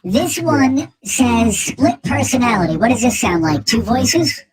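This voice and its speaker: A man testing a voice changer that makes him sound like a high chipmunk, playfully trying out filters on a livestream. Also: big pitch swings, measured pace, far from the mic, over a noisy crowd, full character voice, low-quality recording. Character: squeaky sped-up chipmunk man. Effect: high-pitched chipmunk voice changer. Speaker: co-host. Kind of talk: casual livestream chat.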